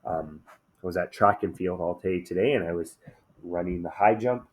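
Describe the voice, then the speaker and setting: The recording is muffled: a man with a low voice, speaking at normal speed, teaches math in a laid-back conversational style. He sounds slightly hoarse after shouting all day and keeps checking in with "okay?".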